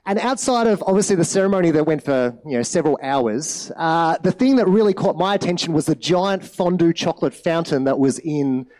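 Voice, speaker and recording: A man's voice: on the high side, lively intonation, a little fast, few pauses, darkish tone. A man giving a sermon in a chatty storytelling way, with many fillers. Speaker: preacher.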